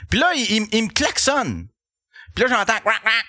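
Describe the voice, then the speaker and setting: A man with a Québécois accent, a podcast host telling a comic story in an animated, profane way and laughing as he goes. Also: sits high, moderate pace, no room sound, clean studio sound. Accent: Québécois French.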